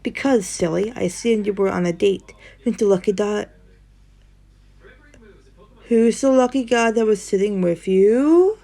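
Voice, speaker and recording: A woman's voice: mid-range voice, steady tone, fairly quick, vocal fry, warm tone, breathy edge. A woman voicing a playful, teasing young woman friend on the phone in a storybook horror reading. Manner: teasing, sing-song.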